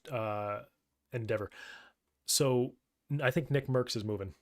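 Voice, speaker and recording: Guy co-hosting a streamer podcast, stammers and restarts a lot, medium pitch. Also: measured pace. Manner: stammering, restarts words often. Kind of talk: casual podcast chat.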